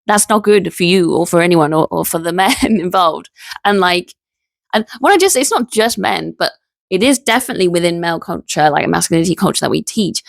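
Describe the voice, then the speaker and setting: A woman talking in a casual vlog, indignant and animated, spelling out sensitive words letter by letter and laughing in disbelief. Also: on the low side, brisk, gravelly, dry recording, studio quality. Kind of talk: casual spoken vlog monologue.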